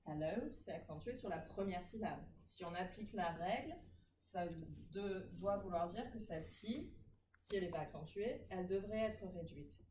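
In a classroom phonetics lecture, a woman patiently explains the rules and keeps checking that her students are following. Her voice is fairly low and mellow at a moderate pace, recorded far from the mic in an echoey room with background noise.

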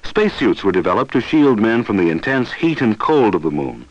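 Deep-ish man narrating an old 60s science film, formal, really animated intonation, muffled dry sound. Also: no echo. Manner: formal, deliberate. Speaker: documentary narrator. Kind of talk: scripted 1960s educational film narration.

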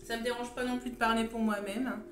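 A woman's voice: on the high side, little pitch movement, brisk, fairly bright tone. A woman in her thirties with a sore throat chats casually and hesitantly as she hosts a homemade hobby vlog. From Champagne, France. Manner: talkative, hesitant, wandering. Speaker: hobby video host, first-time vlogger. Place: room at home with stone walls. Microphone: phone at arm's length or slightly further. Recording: roomy, echoing phone recording with faint music.

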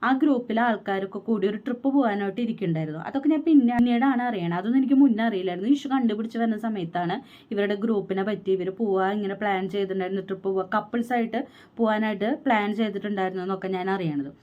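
On a muffled recording, a young woman with a mid-range voice, who is pregnant, shares a personal story on her vlog. She speaks rapidly and sounds wronged, reporting other people's words as quoted dialogue.

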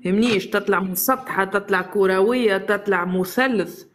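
A woman's voice: medium pitch, normal speed, soft background music. A woman calling into a live stream, teasing and mocking the host. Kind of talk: heated live stream debate.

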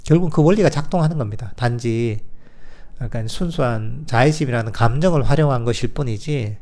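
A man, a Buddhist monk giving a dharma talk. He talks plainly, asks rhetorical questions, and turns gentle and soothing at times. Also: medium pitch, brisk. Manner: gentle, soothing when voicing self-compassion.

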